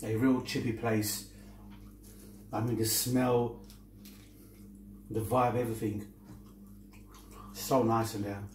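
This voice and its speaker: Slow-talking man chatting while crunching chips. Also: lowish voice, little pitch movement, a little mellow. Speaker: mukbang vlogger. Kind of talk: casual eating-show chat. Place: small domestic kitchen-dining room, indoors. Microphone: camera across the table. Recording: roomy, distant mic, faint noise.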